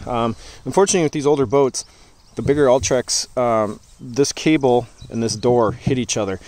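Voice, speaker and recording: A man giving a relaxed, rambling walkthrough tour of his boat outdoors, talking with many fillers into a handheld camera. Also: mid-range voice, normal speed, slight background noise. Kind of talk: casual walkthrough vlog.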